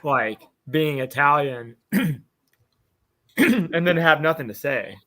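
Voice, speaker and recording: A man's voice: fairly high pitch, expressive, slow pace, bright, forceful tone. A man joining a casual team meeting, playful and teasing. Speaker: team member.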